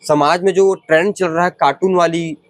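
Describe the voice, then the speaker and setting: A male reporter with a slightly high, dry voice. He asks questions in a prompting way and then restates the answers for his audience in a field-interview style. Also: fairly even intonation, brisk, no echo. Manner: prompting, summarizing for viewers. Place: idol workshop.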